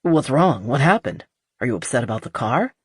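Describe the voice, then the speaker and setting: A woman voicing a calm, teasing adult man in an audiobook, speaking in a low, controlled way. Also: a little fast, slightly rough, dry recording, clean studio sound, heavily acted. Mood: easygoing. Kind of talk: audiobook character voice.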